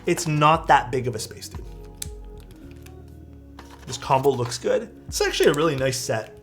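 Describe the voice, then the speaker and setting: Fairly high in pitch with lively intonation and a moderate pace, the young host talks casually to his viewers while building keyboards, rambling in an easygoing manner. He's in a small rented room on a streaming mic, faint music behind.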